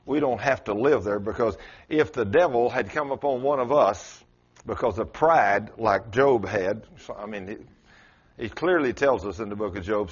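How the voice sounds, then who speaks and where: A man in his late sixties preaching a folksy sermon, quizzing his congregation and rising to loud exclamations. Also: medium pitch, husky, dull audio. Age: 60s. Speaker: pastor.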